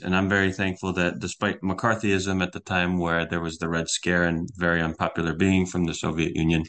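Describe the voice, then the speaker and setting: A young American man with a low, flat voice explains things as a guest journalist on a podcast interview. He comes across as earnest and explanatory, with small restarts.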